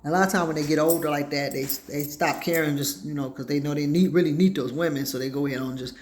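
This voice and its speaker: A woman's voice: deep voice, fairly even intonation, fast talker, a little mellow. A woman hosting her own talk show, telling rambling stories in casual chat and acting out what people said. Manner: chatty storyteller, acts out quoted dialogue.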